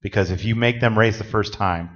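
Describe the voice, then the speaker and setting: Speaking in a low, deep voice, a man explains rules to a large conference hall in a plain, direct, instructive way. His delivery is brisk and a bit bright, and the dull, lo-fi audio carries a long reverb behind his words.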